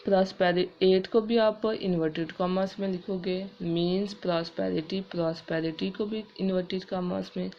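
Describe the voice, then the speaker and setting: Woman, English teacher, rather low voice, spells words out letter by letter, slightly dull lo-fi sound. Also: steady tone, a little hiss or hum. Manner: explains step by step, mixing English and Urdu, spelling words letter by letter; reads English rules out slowly and carefully. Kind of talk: classroom-style grammar lesson.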